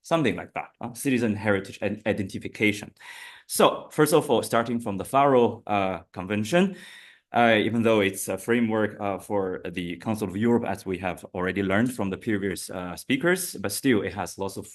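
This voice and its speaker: A man with a Chinese accent presents an academic paper at a conference. His voice sits a little low, and he moves carefully through his points, stopping to restart phrases as he goes. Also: brisk. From China. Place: conference hall.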